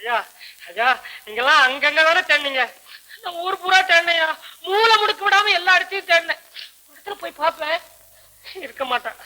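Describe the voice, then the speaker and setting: An actor playing a hot-headed young man who shouts and demands answers, in 1940s film acting style. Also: very high voice, animated, normal speed, pauses often, heavily acted, poor audio. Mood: weary. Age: young adult.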